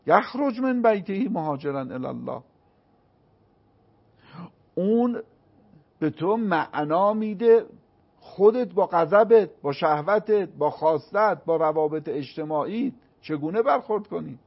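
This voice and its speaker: A man's voice: sits high, lively intonation, gravelly. A man giving a religious lecture as a guest, speaking in a preacherly way that rises into emphatic declamation. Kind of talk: religious talk on a show. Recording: dull lo-fi sound.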